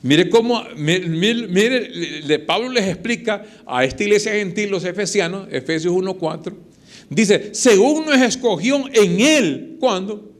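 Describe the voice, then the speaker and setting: A man's voice: high voice, a little slow. A man preaching a sermon, explaining with rhetorical questions and short retold dialogues.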